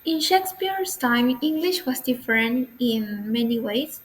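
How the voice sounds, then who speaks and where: A woman presents a class slideshow. She reads her prepared script slowly and carefully, and her voice sits a little high. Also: lively intonation, slight background noise, poor audio. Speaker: student presenter.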